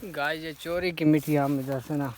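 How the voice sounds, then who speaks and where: A man's voice: fairly high pitch, steady tone, moderate pace, darkish tone, a little hiss or hum. A man joking and teasing in casual banter outdoors in an orchard. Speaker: companion in the vlog.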